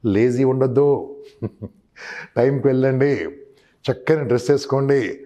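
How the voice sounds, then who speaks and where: A man's voice: mid-range voice, measured pace, dark tone, dull audio. A man giving emphatic sales advice in an interview, often calling the listener boss and acting out customer exchanges. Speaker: sales trainer guest.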